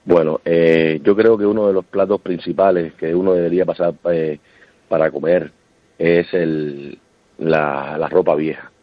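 Very deep-voiced Cuban man on a phone line. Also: a little slow, no echo. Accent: Cuban Spanish. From Cuba. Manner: relaxed, chatty, many restarts. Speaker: restaurant owner and singer. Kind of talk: phone-in radio interview.

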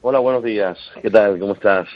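A Cuban man in his thirties, a restaurant owner and singer, talking relaxed and chatty in a radio interview, with many restarts. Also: fairly low pitch, quick pace, over a noisy crowd. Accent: Cuban Spanish. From Cuba. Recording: dull, lo-fi phone line.

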